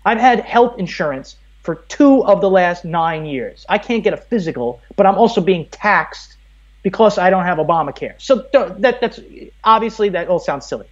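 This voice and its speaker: A Brooklyn, New York man in his thirties with an American accent speaks as a podcast guest in a conversational interview, earnest, emphatic and opinionated as he rambles. His voice sits high and animated at a moderate pace, and the sound is lo-fi.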